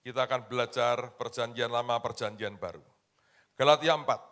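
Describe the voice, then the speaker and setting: A male pastor preaching a sermon in a colloquial, dramatic way, swinging between loud shouts and hushed asides and often addressing the congregation. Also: medium pitch, moderate pace.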